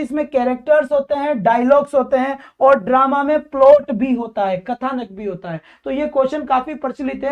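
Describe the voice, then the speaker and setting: A woman teacher with a high voice gives an exam-prep lecture, posing questions and then answering them herself. She affectionately keeps calling her students "child." The recording is dull and lo-fi.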